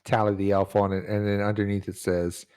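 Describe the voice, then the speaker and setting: A man's voice: fairly low pitch, flat delivery, brisk, darkish tone, clear, resonant tone. A man hosting a casual podcast, laughing a lot and closing out the episode. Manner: laughs a lot, short reactions. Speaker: podcast host. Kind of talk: casual chat.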